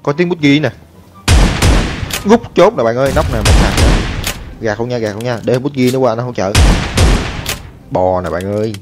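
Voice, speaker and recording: A man giving excitable, chatty commentary over his own gameplay, talking to viewers and taunting enemies. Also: mid-range voice, moderate pace, pauses often, heavy background noise. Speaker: gaming streamer. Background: game music and gunfire.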